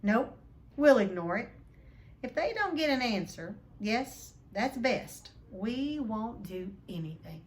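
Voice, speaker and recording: A woman's voice: fairly high pitch, big pitch swings, slow pace, slight background noise. A woman voicing a blustering, bullying middle-aged uncle who barks and snaps, in a storybook reading. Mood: agitated, decisive. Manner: barking, snapping, muttering wildly.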